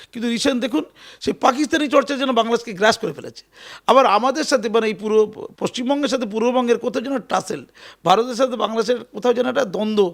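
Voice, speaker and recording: Man, really high gravelly voice, talks fast and keeps repeating himself. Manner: animated, emphatic, repeats phrases. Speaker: interview guest. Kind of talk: political interview.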